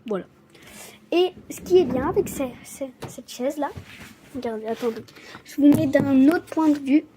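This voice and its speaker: High-voiced woman who stutters. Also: warm tone, slight background noise. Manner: stutters, restarts words often; halting, apologetic. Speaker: vlogger showing her gifts. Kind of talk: casual unboxing chat to camera.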